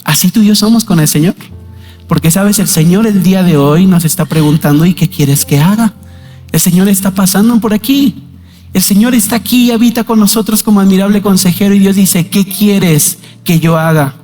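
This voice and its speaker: A man with a Mexican Spanish accent preaching a sermon as pastor, with dramatic swings, loudly acting out voices in the story. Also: high-pitched, a little fast. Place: church hall. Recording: reverberant church hall with faint music.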